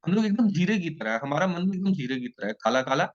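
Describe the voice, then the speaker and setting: Lively man teaching with a dull lo-fi sound. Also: fairly high pitch, fast talker, no room sound. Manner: lively, playful teaching with frequent check-ins. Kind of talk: online exam-prep lecture.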